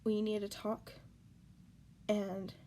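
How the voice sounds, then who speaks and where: Crying woman vlogging, slow and broken up, dark gravelly voice, faint hiss behind. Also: mid-range voice, monotone. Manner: halting, repeating words, sighing. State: upset and crying. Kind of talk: tearful personal reaction vlog.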